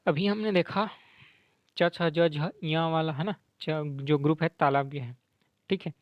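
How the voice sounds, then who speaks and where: Male grammar teacher, slow and repetitive delivery, slightly higher voice, dry muffled sound. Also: no echo. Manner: mixes English words into Hindi explanation; sounds out letters slowly to demonstrate. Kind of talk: explaining quiz answers to students.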